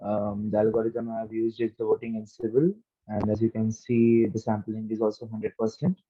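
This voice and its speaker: A man's voice: on the low side, monotone, normal speed, dark tone, dry recording. A young man giving a hesitant, formal presentation as an intern on a video call. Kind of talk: slide presentation and software demo. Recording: dull lo-fi video-call audio.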